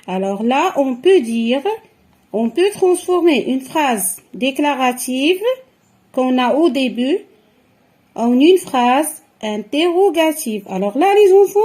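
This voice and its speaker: Slow, patient woman teaching children grammar. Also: high voice, darkish tone. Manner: slow, patient explaining with repetitions.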